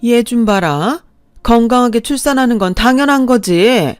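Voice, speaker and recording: A woman's voice: on the high side, lively intonation, moderate pace, dry recording, studio quality, faint music behind, voice pushed up, close to an everyday voice. A woman voicing a scornful, bossy older mother-in-law who talks down in curt, scolding phrases.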